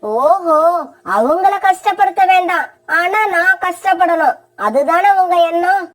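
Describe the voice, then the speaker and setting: Woman voicing a shrill scolding mother crow. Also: a little slow. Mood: mocking. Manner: sharp-tongued, scolding, threatening. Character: harsh scheming mother crow, young wife. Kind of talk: cartoon voice acting.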